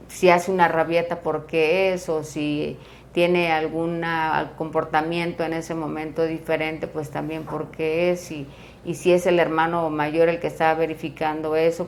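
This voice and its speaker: Low-voiced woman host. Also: a little hiss or hum. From Mexico. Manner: chatty, acts out everyday scenes, many fillers. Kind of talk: interview talk.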